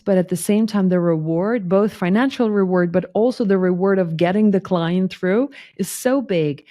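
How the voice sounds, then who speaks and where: Interview guest: woman, 30s, from Lithuania, mellow lowish voice, earnest and chatty. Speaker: sales guest. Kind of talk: conversational interview.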